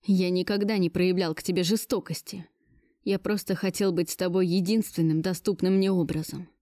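A woman's voice: on the low side, steady tone, moderate pace, warm tone, no echo, clean studio sound, natural voice. A woman voicing a domineering, possessive rich man who barks orders, in her own everyday voice. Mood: pleading. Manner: commanding, barking orders.

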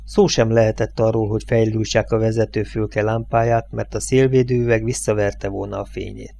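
A man narrating a novel as an audiobook, reading in a measured, steady way. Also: lowish voice, creaky. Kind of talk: scripted narration.

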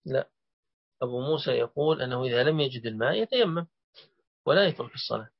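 A man's voice: medium pitch, animated, quick pace, creaky, husky, dry recording. A man teaching a hadith collection, quizzing his student and then explaining each point at length. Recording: dull lo-fi recording.

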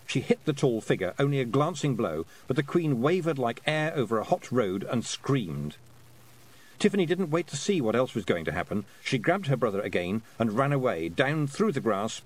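Male audiobook narrator, lively swoops in pitch, storytelling read. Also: poor audio. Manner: expressive storytelling delivery.

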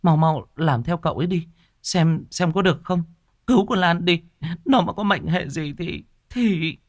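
Man putting on a shrill wailing mother. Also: normal speed, close to an everyday voice. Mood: frantic. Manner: shrill, pleading, crying. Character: distraught middle-aged mother, wailing.

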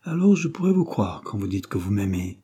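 A man reading aloud, voicing a proud, vengeful young woman with a scornful, sharp delivery. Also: fairly low pitch, sing-song, fairly quick, breathy edge.

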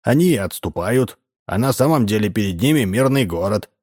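A man's voice: fairly low pitch, animated, normal speed, a little mellow, no echo, clean studio sound. A man voicing a sly, pushy middle-aged building manager in a read-aloud story. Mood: scheming. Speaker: building contractor.

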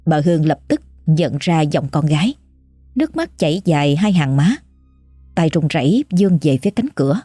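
A woman narrating a scripted ghost story with a measured, suspenseful delivery. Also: low voice, sing-song, warm tone, slightly rough, no room sound, faint music behind.

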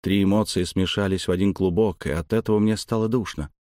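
A man with a fairly low voice reads a first-person story aloud in a steady, even manner. The recording is dry and close, with no room sound. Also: fast, dry recording. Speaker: audiobook narrator. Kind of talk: first-person scripted narration.

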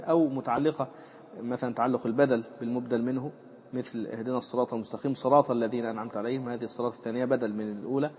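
Brief: male sheikh, mid pitch, reads text then explains, muffled lo-fi recording with faint noise. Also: darkish tone. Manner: reads a passage aloud, then explains it with fillers and repetition. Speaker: Islamic jurisprudence teacher. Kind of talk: explanatory lesson on a classical text.

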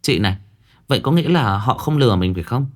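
A man's voice: medium pitch, lively intonation, fast talker, lightly acted. A man voicing a cheerful, trusting young woman in a raised, chatty voice.

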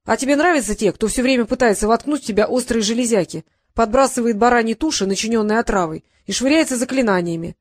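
A woman voicing a big fatherly male dragon, gruff but good-natured. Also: on the high side, fast talker, natural voice.

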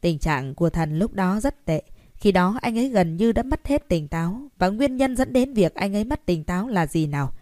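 A woman's voice: medium pitch, lively intonation, moderate pace, dark tone, dry recording, clean studio sound, close to an everyday voice. A woman doing a coaxing young man. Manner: coaxing, pleading. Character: cheerful, smooth-talking young man placating elders.

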